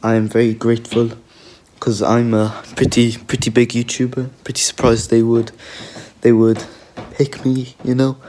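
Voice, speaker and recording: A man's voice: mid-range voice, completely flat delivery, normal speed, background noise. A man hosting a casual storytime video, playful and rambling, often restarting his sentences. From Egypt. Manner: rambling, playful, self-correcting. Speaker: YouTube gaming host.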